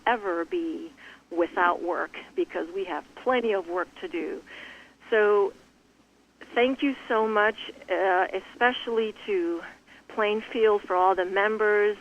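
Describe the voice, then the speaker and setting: Rushed woman crouched under a desk. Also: fairly low pitch. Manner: rushed, hurried. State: hiding under a desk at work. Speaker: church caller giving testimony. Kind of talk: phoned-in spoken testimony. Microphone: phone call. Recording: dull phone line with faint noise.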